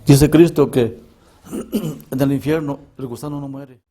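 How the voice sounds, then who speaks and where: A man giving an earnest spoken testimony as an evangelist, often clearing his throat and restarting words. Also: mid-range voice, steady tone, a little slow, dark tone, slight background noise.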